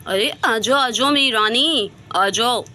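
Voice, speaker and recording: A woman's voice: fairly high pitch, takes it slowly, bright, forceful tone, soft background music. A woman voicing a sly, wheedling adult man who lures a girl away in a storybook tale. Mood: coaxing, sly. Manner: wheedling, coaxing. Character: sly coaxing male villain, adult man.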